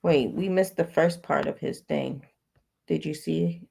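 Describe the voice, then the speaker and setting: A woman's voice: sits low, a little slow, gravelly, darkish tone, slightly rough. A woman co-hosting a livestream, chatting bluntly and teasing her partner. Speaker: livestream co-host. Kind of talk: casual live chat.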